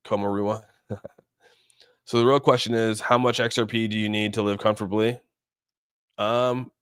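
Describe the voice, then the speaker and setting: This livestream host has a fairly low, slightly bright voice, captured in studio quality without any room sound. He chats informally about crypto markets, musing out loud and responding to his viewers.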